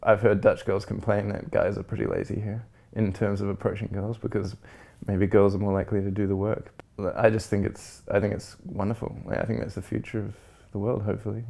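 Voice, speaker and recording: A man's voice: fairly low pitch, level tone, a little fast, creaky, a little mellow. Easygoing New man in his thirties. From New Zealand. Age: 30s. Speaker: blind date participant. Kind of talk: casual interview and chat. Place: hotel room and restaurant, indoors.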